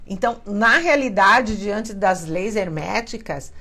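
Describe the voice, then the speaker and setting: A woman with a Brazilian Portuguese accent, hosting a live stream and teaching in a chatty, animated way, often acting out quoted voices. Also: mid-range voice, slow pace. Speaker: spiritual live-stream host. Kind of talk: casual teaching to a live audience.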